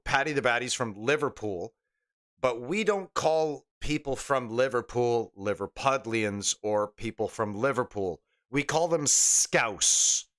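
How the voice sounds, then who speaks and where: Streaming live, a man chats casually and calls the game in rambling play-by-play asides, his medium-pitched voice sharp in tone.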